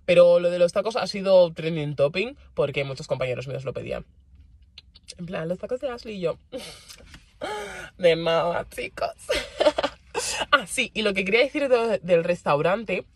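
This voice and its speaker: Breathy young Spanish woman chatting. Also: lowish voice, a little fast, no echo. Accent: Spain Spanish. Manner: chatty, animated, laughs often, repeats words for emphasis. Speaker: vlogger. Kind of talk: casual chat to camera.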